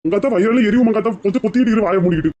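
A woman playing a quick-tempered middle-aged husband in a comedy skit, speaking fast and gruffly with a Kanyakumari Tamil accent. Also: medium pitch, mellow, natural voice. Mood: bickering. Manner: gruff, bickering, rapid.

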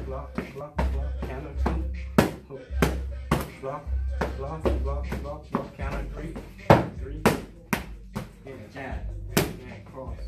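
Male boxing coach, clipped commands during punching pad work, slow spaced delivery, roomy gym, loud music. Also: medium pitch, recorded from a distance. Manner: clipped, repetitive, encouraging commands amid physical exertion; calling out while taking punches on mitts. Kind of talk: calling pad-work drills in short commands. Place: large indoor boxing gym. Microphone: far camera. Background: loud music, thuds of punches on mitts.

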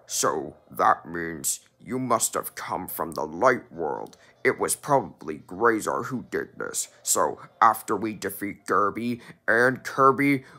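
[name], a fan doing a low scheming dark knight. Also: heavily acted. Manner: low, plotting, drawn-out. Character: sinister dark twin of a masked knight, scheming.

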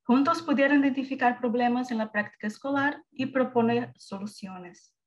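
Female academic presenter, Brazilian Portuguese accent, higher voice, halting Spanish blended with Portuguese. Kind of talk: prepared slide presentation. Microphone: video call.

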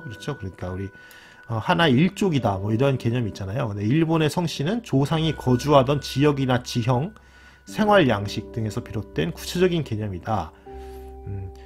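A man's voice: mid-range voice, darkish tone. A man explaining things in a casual lesson, repeating key words and checking in with short tag questions. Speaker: lecturer on a channel. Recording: faint background music.

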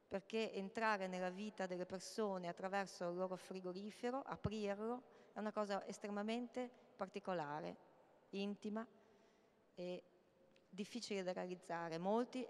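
Brief: middle-aged woman artist, hesitant public talk, smooth clear voice, reverberant hall. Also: mid-range voice. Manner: halting, with many hesitations. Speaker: artist presenting her projects. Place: large hall, indoors. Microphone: handheld mic. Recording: long reverb of a large hall.

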